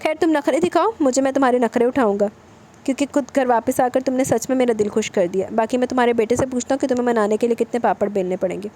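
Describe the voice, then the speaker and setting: A woman's voice: a little high, warm tone, natural voice. A woman voicing a brooding young husband in a romance novel reading, earnest and lecturing. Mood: reproachful.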